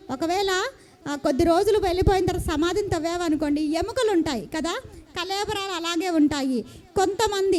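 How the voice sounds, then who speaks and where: A woman preacher with a Telugu accent telling a Bible story in a sermon, asking the listeners many questions. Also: very high-pitched. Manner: animated storytelling with rhetorical questions.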